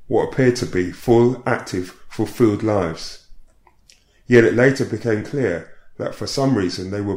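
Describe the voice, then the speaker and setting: A man hosting a podcast, reading a reflective personal story in a measured way. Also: lowish voice, darkish tone. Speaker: podcast host. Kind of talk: scripted personal narration. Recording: echoey room.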